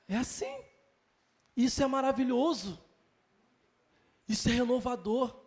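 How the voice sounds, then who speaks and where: A man's voice: very high-pitched, unhurried, darkish tone. A man with a Brazilian Portuguese accent teaching a Sunday school Bible lesson, earnest, repeating key phrases and calling listeners brother.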